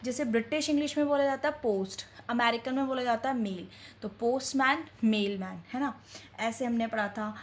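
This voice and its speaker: Higher-voiced woman teaching. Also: moderate pace. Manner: asks a question, then answers it herself; addresses viewers as friends. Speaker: English teacher. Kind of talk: classroom-style teaching.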